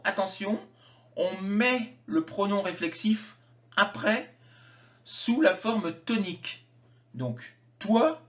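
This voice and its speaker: A man teaching a grammar lesson, slowly and carefully spelling out each example form. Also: high voice. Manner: slow, careful enunciation of example words. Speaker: French teacher. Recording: dull lo-fi sound.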